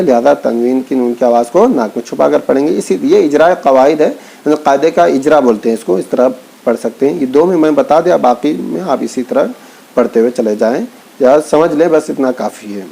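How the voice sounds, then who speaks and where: A man's voice: on the high side, lively intonation, moderate pace, vocal fry, dark tone, low-quality recording. A man teaching Quran reading, patiently explaining and drawing out syllables as he recites letters. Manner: patient, repeats points, stretches syllables when reciting. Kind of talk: teaching lesson, spelling out letters.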